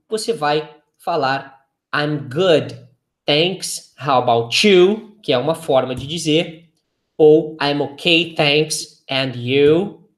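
A Brazilian teacher gives an online English lesson in an unhurried, measured voice of middle pitch. Each English phrase is pronounced carefully and slowly for the listener to repeat, between quiz questions and encouraging asides. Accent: Brazilian Portuguese.

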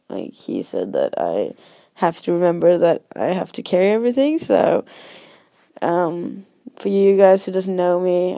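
A woman travel vlogger, a non-native English speaker, talks casually and hesitantly to her followers in a gravelly voice, hoarse from a cold. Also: lowish voice, dark tone, dry recording, studio quality. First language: not English. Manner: informal, rambling, hesitant.

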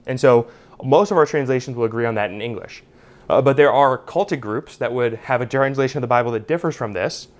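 A man's voice: medium pitch, a little fast. A man teaching a Bible study class in a conversational way, with lots of "you know" and "uh". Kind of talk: unscripted teaching talk.

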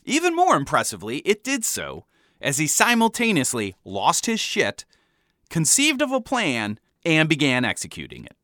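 A man from the US Midwest tells a comic family story. His pitch swings widely as he delivers deadpan, overblown asides. The tone is bright and the recording close and dry. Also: moderate pace, dry recording.

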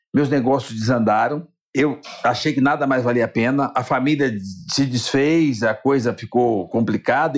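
A Brazilian man with a mid-range voice, appearing as a motivational speaker and interview guest, tells a personal story earnestly and acts out the dialogue.

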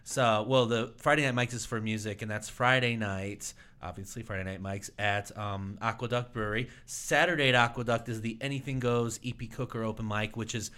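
A man's voice: fairly low pitch, fairly even intonation, fairly quick, few pauses, pushed and bright, clear, resonant tone. A man co-hosting a casual podcast, running through upcoming local events in a chatty, rambling way.

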